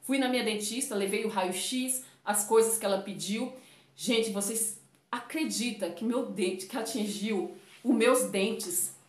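A woman's voice: mid-range voice, measured pace, roomy sound. A woman from Brazil talking casually to camera as a vlogger, chatty and addressing her viewers often, with a runny nose.

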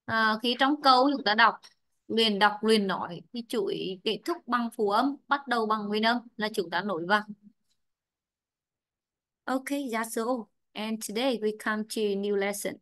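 A woman's voice: on the high side, a little slow, fairly bright tone. A woman English teacher with a Vietnamese accent, a native Vietnamese speaker, giving an online lesson, drilling words by saying each twice and explaining in her own language.

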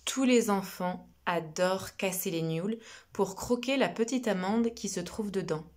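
A woman reading a children's story aloud and taking her time over every line. Her delivery is slow and expressive, and her pitch stays in a middling range.

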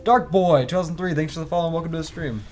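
A man's voice: on the high side, racing. A young man streaming a racing game with friends, chatting casually and rambling with lots of "like" and restarts. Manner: rambling, heavy use of "like". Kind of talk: casual gaming banter. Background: faint game music.

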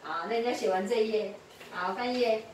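A woman's voice: medium pitch, a little fast. Woman teaching in an echoey classroom. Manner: patient, repeats prompts and quizzes pupils. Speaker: English teacher. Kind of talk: classroom tutoring. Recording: echoey room from far off, faint noise.

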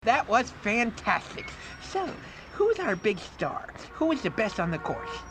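A man's voice: high voice, huge pitch swings, background noise, heavily acted. A man voicing an upbeat, pushy male show director in a game. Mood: brisk. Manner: bright, brisk showbiz talk.

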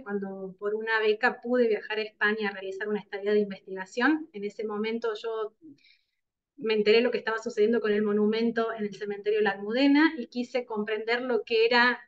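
A woman in her thirties with an Argentine accent from Córdoba, giving a formal seminar presentation from home over a video call, measured, with frequent "eh" pauses. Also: fairly high pitch. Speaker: seminar speaker. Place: home room with plants, indoors. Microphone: laptop webcam on a video call. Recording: muffled video call audio.

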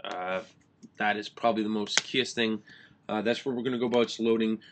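A young man hosting a screen-recorded coding tutorial, talking quickly with constant "uh" fillers. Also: on the low side, fairly even intonation, noisy background. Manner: fast, filler-heavy explaining with many "uh"s. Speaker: app developer tutorial host.

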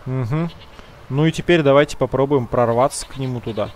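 Guy doing a chill let's play, slangy, mumbles to himself while playing, faint game music behind. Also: mid-range voice. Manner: slangy, talks to viewers as "guys"; muttering to himself, drawn-out musing. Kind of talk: casual gameplay commentary.

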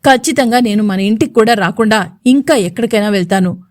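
A woman's voice: mid-range voice, brisk, darkish tone, dry recording, clean studio sound, lightly acted. A woman voicing an injured young man who speaks sternly and angrily to defend his partner in an audio story. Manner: stern, warning, angry.

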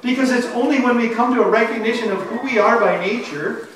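A male pastor preaches with earnest emphasis, his voice sitting high for a man. The sound is echoey and heard from far back in a church sanctuary, with faint noise behind. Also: fairly quick, a bit bright. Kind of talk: sermon. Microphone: far camera.

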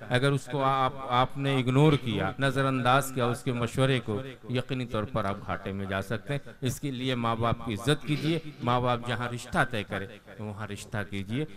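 A man as compere makes formal, declamatory announcements on a stage microphone, addressing the audience directly. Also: medium pitch. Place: stage at a live poetry gathering. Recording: live event with audible crowd.

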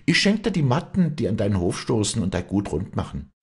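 A man's voice: fairly low pitch, big pitch swings, brisk, breathy edge, pitched above the performer's own voice, heavily acted. A man voicing a proud young peasant woman who now runs her farm, speaking firmly in rural dialect. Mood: stern. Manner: firm, commanding, in rural dialect.

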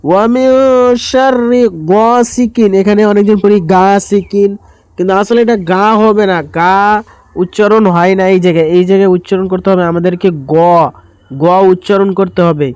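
A man teaching Quran recitation step by step, explaining each word and then chanting the verses slowly and drawn out. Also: high-pitched, steady tone, a little mellow, smooth, dry recording. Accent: Bangladeshi Bengali.

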